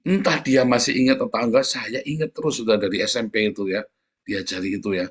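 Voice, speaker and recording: A middle-aged male preacher with a husky, slightly breathy voice. He talks to his congregation in a loose, conversational way and brings his stories to life by acting out the people he quotes. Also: lowish voice, brisk. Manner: animated storytelling, acts out quoted voices, addresses congregation directly. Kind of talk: conversational sermon.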